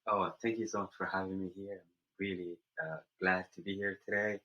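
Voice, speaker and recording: A young man from Somaliland with a low voice and a bright, forceful edge, telling his story as a podcast guest. He speaks earnestly and fills his pauses with "uh" and "you know" while he hunts for words. The recording sounds a little dull and lo-fi. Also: flat delivery. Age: young adult. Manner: earnest, searching for words with frequent fillers. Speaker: guest, college senior. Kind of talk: casual interview answers.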